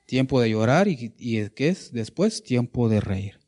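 Speaking a little slowly in a mid-range, slightly mellow voice with big swings in pitch, a male preacher addresses his congregation. His sermon is peppered with rhetorical questions and frequent "¿verdad?" tags, and now and then he pauses mid-sentence to find the right word.

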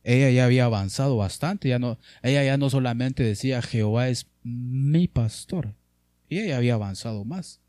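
Male preacher, mellow tone, dry close recording, sermon delivery with sweeping pitch. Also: fast talker, hardly any pauses, no echo. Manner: addresses listeners as brother, lively swings in pitch.

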